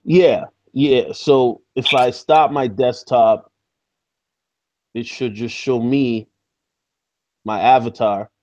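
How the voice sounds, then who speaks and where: A man hosting a casual live-stream interview over a video call, his audio choppy and lo-fi from a bad connection, talking in a halting way with many fillers. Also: medium pitch, fairly even intonation, darkish tone, dry recording. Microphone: video call from a backup laptop.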